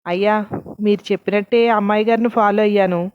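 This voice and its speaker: A woman's voice: mid-range voice, steady tone, quick pace, clear, resonant tone, natural voice. A woman voicing a deferential male henchman who reports to his boss in a read-aloud story. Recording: dull lo-fi recording.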